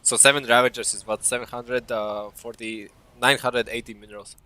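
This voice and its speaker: Man, esports co-caster, analytical, halting uhs, bright forceful voice. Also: medium pitch, level tone, clear, resonant tone. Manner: analytical, thinks aloud with many uhs. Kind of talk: live game commentary.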